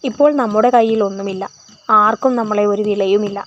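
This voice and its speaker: A woman's voice: mid-range voice, fairly even intonation, a little fast, muffled recording, a little hiss or hum, close to an everyday voice. A woman voicing an upbeat young buddy. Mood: encouraging. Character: young man, tall talker, cheerful buddy.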